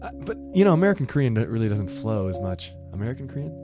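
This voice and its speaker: A man's voice: mid-range voice, big pitch swings, music in the background. A man co-hosting a podcast, agreeing often and chiming in casually. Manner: agreeable, quick backchannels. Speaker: podcast co-host.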